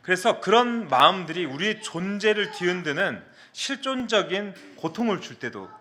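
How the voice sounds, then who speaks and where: A male pastor from the Mokpo area tells a personal story in his sermon. His voice sits a little high for a man and sounds bright and forward. He is very animated and swings widely in pitch as he acts out the story. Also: normal speed. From South Korea, Mokpo area.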